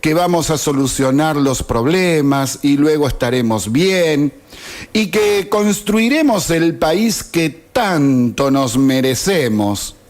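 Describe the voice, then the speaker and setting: A man's voice: a little high, animated, takes it slowly. A man in his fifties with an Argentine accent, reading a sarcastic opinion editorial on radio. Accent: Argentine Spanish. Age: 50s. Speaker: radio host. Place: radio studio.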